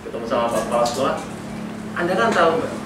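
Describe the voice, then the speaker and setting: A middle-aged man leads a school workshop in a school hall, telling a story as an animated storyteller who acts out the dialogue with laughter. His voice is a little high and he races along. The recording is noisy and echoey, with his voice coming from a distance.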